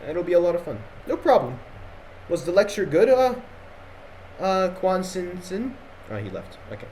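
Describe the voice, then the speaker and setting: This young Jordanian man's high voice is sing-song and a little mellow, at a moderate pace, with an American accent. He rambles casually as a student lecturer in an online review session over a voice call, chatty with many fillers and restarts. The computer-mic audio is poor, with a little hiss or hum.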